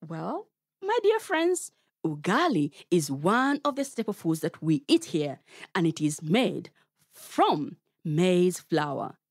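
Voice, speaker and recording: A woman's voice: fairly low pitch, very animated, slow, husky, no room sound, studio quality. A Kenyan woman telling a story to children, playful and talking straight to her young listeners. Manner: playful, addresses children directly.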